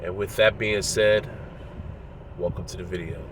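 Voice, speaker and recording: A preachy commentary video features a religious commentator in his thirties, sniffling through a cold with a nasal, congested voice and the occasional cough. Measured and moralizing, he pauses often; his low voice is steady in tone and a bit bright, over slight background noise.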